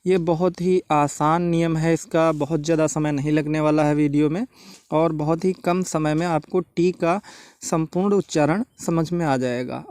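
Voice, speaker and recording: A man's voice: a little high, dark tone, no room sound. A man teaching English pronunciation in a repetitive lesson style, checking often that students follow. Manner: repetitive, checks understanding with frequent "theek hai". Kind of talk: classroom-style spoken lesson.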